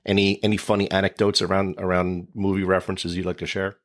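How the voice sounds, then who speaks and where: Male podcast host, deep voice, rambling conversational delivery. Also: little pitch movement, fast talker. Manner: rambling, full of restarts and "you know". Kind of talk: casual interview chat.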